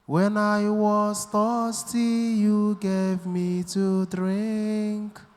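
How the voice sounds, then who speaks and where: A priest preaching a sermon into a pulpit microphone in a church, speaking deliberately and quoting scripture. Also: male voice, high voice, level tone, soft background music. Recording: long church hall reverb.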